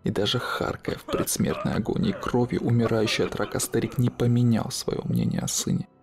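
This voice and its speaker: A man narrates a scripted horror tale with measured drama. His mid-pitched voice has a gravelly creak, and faint music plays behind him.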